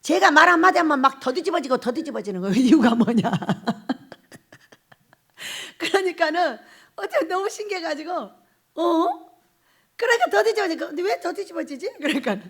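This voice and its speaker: A woman pastor delivers a Sunday sermon in a very high voice whose pitch leaps up and down with energy. She laughs often and fires rhetorical questions at the congregation. Her loud outbursts drop suddenly into soft murmurs. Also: moderate pace. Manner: animated preaching with frequent laughter and rhetorical questions; swings from loud exclamations to low murmurs. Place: prayer retreat sanctuary.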